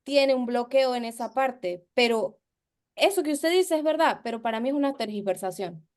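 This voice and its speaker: A woman co-hosting a podcast discussion, reflective and measured as she explains her view at length. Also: a little high, darkish tone. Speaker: podcast co-host.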